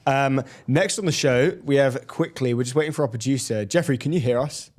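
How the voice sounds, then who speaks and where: A man hosting a casual interview show, relaxed and halting, with lots of fillers and repeated words. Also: mid-range voice. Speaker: host.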